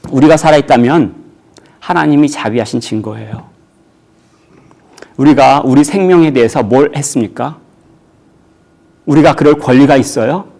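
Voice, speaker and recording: A man's voice: mid-range voice, normal speed, creaky, pauses often, mellow. A man preaching a sermon as pastor in a church, asking the congregation rhetorical questions and raising his voice sharply when he acts out quotes.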